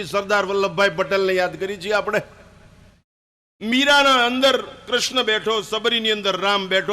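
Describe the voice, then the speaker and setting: An older man preaching a fiery sermon, emphatic and at times shouting. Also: sits high.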